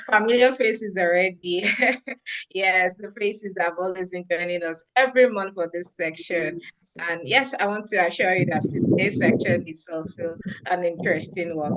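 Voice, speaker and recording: Give me a Nigerian-accented woman, a bit low in pitch, chattily hosting an online group session. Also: a bit bright, rough recording. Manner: effusive, chatty, repeats phrases. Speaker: head of programs hosting an online roundtable. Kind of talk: informal online event hosting. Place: online video or conference call.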